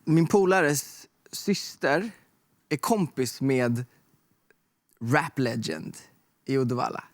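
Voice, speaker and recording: A man's voice: medium pitch, no room sound. Young male guest, loose and chatty, fills his talk with filler words, dry close sound. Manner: relaxed storytelling with fillers like "liksom" and "typ". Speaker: guest artist. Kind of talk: casual chat.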